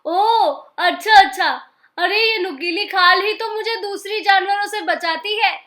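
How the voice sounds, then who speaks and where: A woman voicing a guilty, soft-hearted male crocodile in a children's storybook, pleading and apologetic. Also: extremely high pitch, a little slow, exaggerated voice. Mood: friendly.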